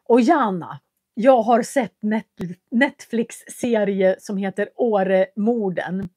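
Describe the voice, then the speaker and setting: A woman's voice: medium pitch, darkish tone, no room sound, clean studio sound. A woman, chatting casually on a livestream as a language teacher and answering viewer comments with friendly hesitations. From Köping, Västmanland, Sweden.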